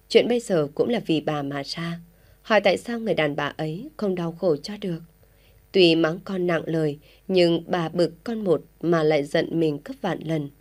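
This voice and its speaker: A woman narrates an audiobook tale with steady, even storytelling. Her voice sits somewhat low for a woman, and she reads at a measured pace.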